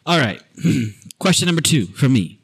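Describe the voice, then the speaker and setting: A man co-hosting a podcast, bantering casually through a horror trivia game, cursing and mocking himself with loud laughter. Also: mid-range voice, big pitch swings, a little slow, gravelly, slightly rough, no room sound. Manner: swearing, self-mocking, laughs loudly. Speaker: podcast co-host.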